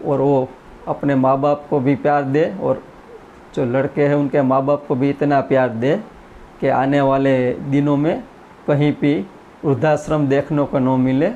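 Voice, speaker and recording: Slow-talking earnest man preaching a moral. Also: medium pitch, little pitch movement, mellow, muffled recording, slight background noise. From India. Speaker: YouTube channel creator. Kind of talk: spoken story and message, then singing.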